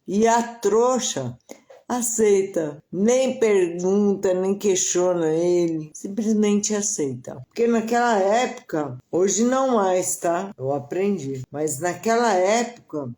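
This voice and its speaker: A middle-aged Brazilian woman telling a personal story candidly and expressively during a live stream. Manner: candid and expressive, with pitch swinging up and down as she tells.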